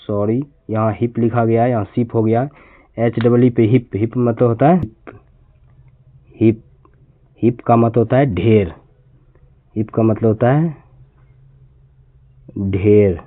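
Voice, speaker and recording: A man's voice: mid-range voice, takes it slowly, pauses often. A man giving a spoken lesson, spelling words out letter by letter and then repeating and explaining each one. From India. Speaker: teacher. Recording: tinny phone-quality audio.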